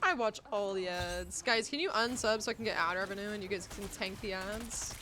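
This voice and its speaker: A woman live streamer chatting casually with viewers while gaming, excitable and bubbly, with cutesy greetings and a playful foul mouth. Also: mid-range voice, fairly quick, noisy background.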